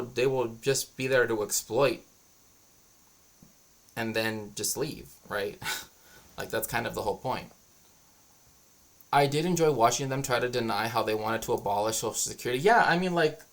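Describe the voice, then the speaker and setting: Man, livestream talk, opinionated, rambling explanations, mid-pitched voice. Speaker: streamer and cultural historian. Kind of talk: casual livestream monologue.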